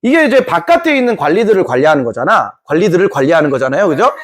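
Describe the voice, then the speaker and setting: A man's voice: fairly high pitch, sing-song, rapid-fire. A man teaching a history class in a playful, joking way, acting out scenes. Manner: playful, jokey, acts out scenes. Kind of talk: lively classroom lecture.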